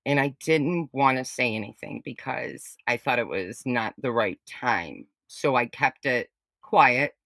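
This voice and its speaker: A woman in her forties telling personal stories in a casual podcast chat, blunt and animated, with some swearing. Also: a bass voice, measured pace, gravelly, no echo. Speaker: guest.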